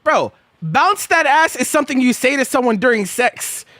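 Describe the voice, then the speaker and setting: A young male streamer in casual chat, bright and sharp-toned, with a bone-dry close sound. He reacts with disbelief, swears freely, repeats himself and keeps cracking up. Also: extremely high pitch, big pitch swings, moderate pace, no echo. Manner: incredulous, laughs often, swears, repeats himself.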